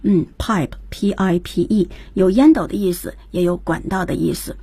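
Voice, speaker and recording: In a dry radio studio, a woman co-hosts an English lesson on air, her voice fairly low, mellow and a bit rough, at a moderate pace. She introduces each new word, prompts the next one, and sums up what the teacher has said.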